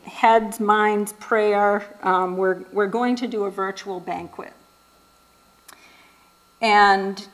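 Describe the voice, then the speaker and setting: A woman's voice: medium pitch, low-quality recording. A woman speaking casually to a church group, conversational and full of restarts. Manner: conversational, with many fillers and restarts.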